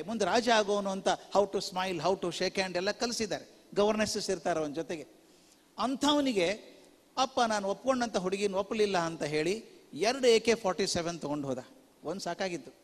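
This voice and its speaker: High-voiced animated male lecturer in a hall. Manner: animated storyteller, acts out parents and children in quick asides. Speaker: speaker on parenting at a teachers' conference. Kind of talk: lecture mixing Kannada and English. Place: large hall. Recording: long hall reverb.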